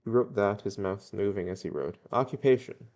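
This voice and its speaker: A man's voice: fairly low pitch, brisk, darkish tone, dull audio. A young man reading a novel aloud in a plain way, with occasional stumbles and self-corrections. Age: young adult. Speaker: reader.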